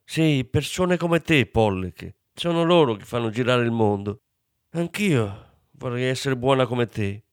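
A man voicing an exasperated but loving mother in a storybook, loud and scolding. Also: medium pitch, animated, unhurried, dry recording, clean studio sound. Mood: tender.

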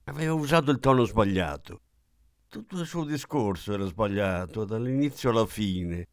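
Brief: male narrator, deepish voice, measured literary reading, dry close sound. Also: smooth, dry recording. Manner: measured, even storytelling.

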